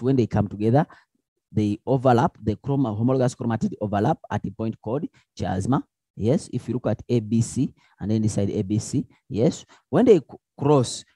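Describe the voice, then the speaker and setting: A man's voice: mid-range voice, husky, no room sound. A man teaching a lesson, asking questions and answering them himself, with many restarts. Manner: lively, with many restarts and fillers. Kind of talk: explanatory lesson.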